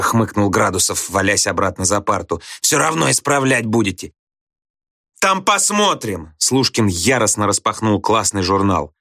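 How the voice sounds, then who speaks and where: A man narrating an audiobook in a vivid, expressive scripted reading. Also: fairly low pitch, no room sound, studio quality.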